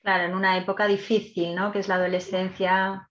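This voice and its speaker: A woman's voice: medium pitch, level tone, fairly quick, lo-fi sound. Hesitant woman moderating a panel. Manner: warm, hesitant, many "eh" fillers. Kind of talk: round-table moderation.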